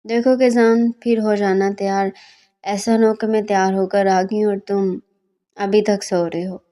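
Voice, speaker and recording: A woman's voice: medium pitch, little pitch movement, a little slow, dark tone, close to an everyday voice. A woman doing a bossy, fiery young girl. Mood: impatient. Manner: scolding, impatient. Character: young female student, bossy and quick-tempered.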